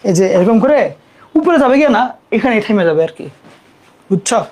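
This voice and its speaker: A young adult teacher talks through a live math lesson in a loose, informal way. The voice sits at a middle pitch, and the teacher repeats terms slowly so students can copy them and apologizes quickly for board mistakes. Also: animated, a little mellow, slight background noise.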